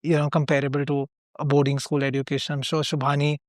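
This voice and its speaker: A man's voice: fairly high pitch, monotone, fast talker, dry recording. A man with an Indian accent asks questions as an interview host. His delivery is conversational and quite level in melody. The recording is dry, with hardly any room sound.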